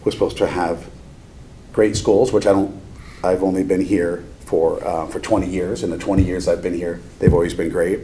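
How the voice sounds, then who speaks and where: Male finance board member, deep and warm-toned, explanatory meeting remarks, slight background noise. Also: steady tone, moderate pace, rough recording.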